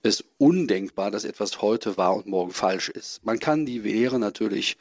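A male priest giving a thoughtful spoken commentary on scripture and answering questions, measured and hesitant with frequent pauses. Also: on the low side, lively intonation, dry recording. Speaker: priest, guest. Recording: dull lo-fi sound.

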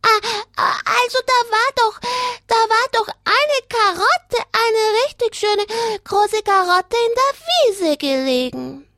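A woman's voice: very high-pitched, lively intonation, slow, hardly any pauses, sharp tone, no echo, studio quality, heavily acted. A woman voicing a cheerful, childlike male rabbit puppet that chatters eagerly like a small child on a children's radio show.

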